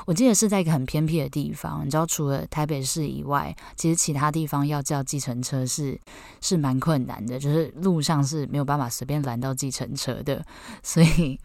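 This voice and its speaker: Low-voiced animated Taiwanese woman podcaster. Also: creaky, no room sound, studio quality. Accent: Taiwanese Mandarin. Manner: animated, incredulous, peppers speech with "OK". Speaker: podcast host. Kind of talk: casual storytelling podcast.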